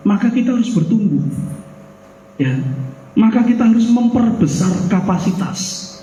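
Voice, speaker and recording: A man preaching with a very high voice, animated and direct with his congregation. His sermon rings through a large church hall with a long reverb tail. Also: slight background noise. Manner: animated preaching, mimics a crying baby with loud outbursts; addresses the congregation as "saudara". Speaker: pastor.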